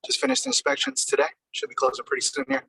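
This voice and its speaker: Guy on car speakerphone while driving, gravelly bright voice, sounds far off, short clipped updates. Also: very high-pitched, sing-song, fast, no echo. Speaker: real estate agent. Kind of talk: casual team meeting update.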